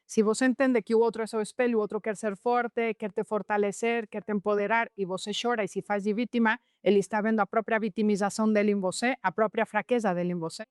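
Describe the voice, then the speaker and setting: A woman's voice: medium pitch, fairly even intonation, quick pace, hardly any pauses, clear, resonant tone, no room sound, clean studio sound. A woman teaching about personality types in a podcast conversation, explaining patiently and illustrating points with real cases. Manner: explanatory, tells cases with acted quotes. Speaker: Enneagram teacher.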